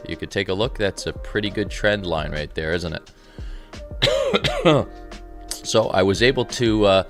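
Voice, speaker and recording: Man, lowish voice, mellow radio-DJ calm, slightly tired, faint music underneath. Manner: calm, soft, relaxed radio-DJ delivery. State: a little tired. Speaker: trading livestream host. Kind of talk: live market commentary reading chat.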